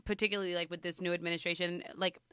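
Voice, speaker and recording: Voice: mid-range voice, level tone, racing, pushed and bright, smooth, dry recording, clean studio sound. A podcast co-host in casual chat, hedging and thinking aloud with lots of filler.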